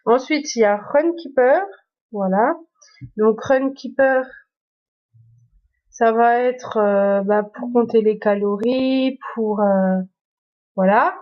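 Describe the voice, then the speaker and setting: A woman's voice: fairly high pitch, takes it slowly, pauses often, highs cut off. A woman chatting casually through the apps on her phone, hesitant with many fillers and restarts. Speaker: YouTuber. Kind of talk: casual phone tour vlog.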